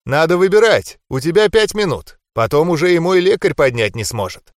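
A man's voice: on the high side, lively intonation, moderate pace, dry recording, studio quality, pitched above the performer's own voice, close to an everyday voice. A man voicing a cruel, mocking male mentalist villain in an audiobook, taunting his captive. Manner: taunting, jeering.

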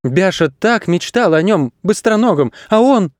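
A man's voice: high-pitched, lively intonation, a little slow, darkish tone, no room sound, studio quality, voice pushed up. A man voicing gossipy wooden carousel horses in a children's story. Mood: disappointed.

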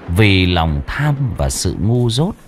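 A man narrating a village horror story in a dramatic reading style, slowing down for suspense. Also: deep voice, very animated, a little hiss or hum. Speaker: audiobook narrator.

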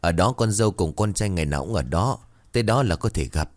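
A man's voice: deep voice, expressive, fast talker, no room sound. A man voicing a chatty middle-aged village woman who gives directions helpfully.

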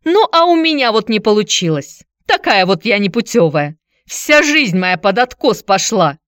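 A woman reading a story, voicing a worn-out, drunken ex-wife who pleads and shouts tearfully. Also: lively intonation, moderate pace, dry recording, clean studio sound, natural voice. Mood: shrill pleading. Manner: shrill, pleading, tearful outbursts.

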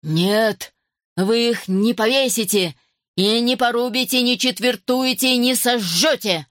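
Storybook figure: a huge proud dragon, deep rumbling bass, played by a woman narrator. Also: normal speed, fairly bright tone, no room sound, clean studio sound. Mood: defiant. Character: huge male dragon, booming and boastful. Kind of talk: storybook reading.

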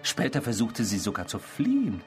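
In a German radio drama, an actor plays a smug, remorseless criminal confessing to a stranger, measured, provocative and self-satisfied as he reminisces. His medium-pitched male voice swoops wildly in pitch, with faint music behind him.

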